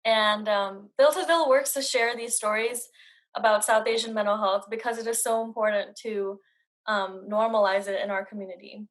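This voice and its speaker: A woman's voice: mid-range voice, steady tone, moderate pace, a bit bright. A woman introducing herself on an online panel in a friendly, casual way. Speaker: program coordinator. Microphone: video call.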